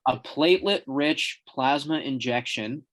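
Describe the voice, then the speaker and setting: A young man with a mid-range voice, chatting on a casual sports podcast. He gives quick updates and stumbles a little when he reads aloud. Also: mid-range voice, fairly bright tone. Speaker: podcast co-host. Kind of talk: casual chat.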